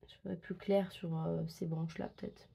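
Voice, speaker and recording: A woman talks casually as she colors, testing pencils and thinking aloud. Her voice is husky and slightly breathy, with a gravelly fry, and her speech is full of fillers and self-corrections. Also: lowish voice, flat delivery, normal speed, warm tone. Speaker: coloring book vlogger. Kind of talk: casual chat while coloring.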